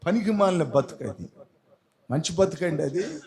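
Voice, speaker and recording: A man's voice: on the high side, lively intonation, moderate pace, darkish tone. A man preaching an emphatic sermon and acting out stories in different voices. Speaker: pastor.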